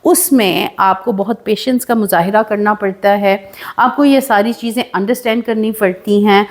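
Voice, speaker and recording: A woman, co-hosting a podcast chat in an earnest, advising tone. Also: mid-range voice. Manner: earnest, advising tone, mixes English words. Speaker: podcast co-host. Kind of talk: casual chat.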